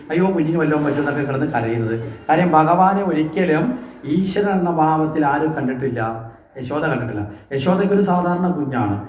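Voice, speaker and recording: In a temple hall, a man gives a devotional scripture discourse, often asking his listeners questions and then answering them himself. His voice is a little high with a darkish tone, and the sound is roomy.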